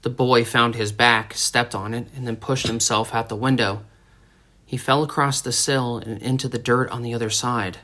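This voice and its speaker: A man's voice: mid-range voice, steady tone, moderate pace, bright, forceful tone. Man narrating a dramatic audiobook. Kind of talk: scripted narration.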